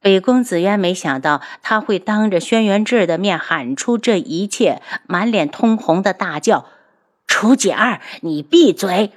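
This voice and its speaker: A woman narrating a web novel in a measured storytelling voice. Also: mid-range voice, lively intonation. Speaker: audiobook narrator.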